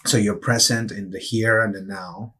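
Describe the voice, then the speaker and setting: A man's voice: fairly low pitch, steady tone, moderate pace, bright, forceful tone, breathy edge. A middle-aged man from Peru, a neurosurgeon guest in an interview, explaining things earnestly with frequent restarts. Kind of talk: interview answers.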